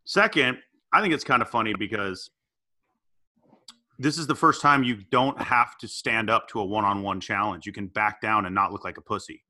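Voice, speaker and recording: A man's voice: fairly low pitch, moderate pace. A man co-hosting a casual comedy podcast, telling stories and acting out the voices of the people in them. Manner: animated storyteller, acts out quoted voices. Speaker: podcast co-host.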